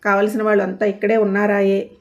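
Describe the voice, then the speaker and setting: Woman as a calm, sarcastic young wife. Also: mid-range voice, fast, highs cut off, natural voice. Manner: calm, polite, teasing.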